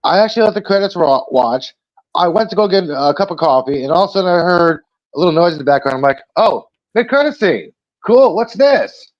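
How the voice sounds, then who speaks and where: A man chatting casually as a show panelist, excitable, quoting his own reactions aloud. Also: fairly high pitch, fast talker, highs cut off. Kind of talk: casual chat.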